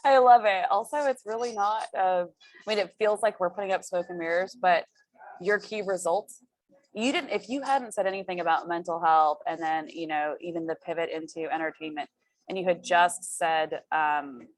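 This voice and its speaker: A woman's voice: on the low side, normal speed, dry recording, poor audio. A woman hosting a group career coaching session in an encouraging, informal, conversational way.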